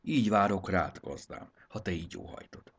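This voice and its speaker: A man voicing a huge, weary lizard-bird monster in a storybook reading, with a deep, tired voice and low, hushed speech. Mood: weary submissive. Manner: low hushed near-whisper.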